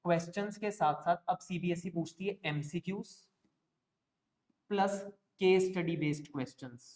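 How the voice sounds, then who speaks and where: Teaching the basics of accounting, a man checks again and again that his students follow, using a coaxing manner. He speaks at moderate speed in a high, darkish voice, and the classroom recording has a roomy echo.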